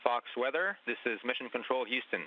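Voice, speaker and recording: A man working as a mission control communicator, making measured, formal radio calls over a space-to-ground radio link. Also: medium pitch, lively intonation. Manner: measured radio call protocol. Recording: tinny radio link with hiss.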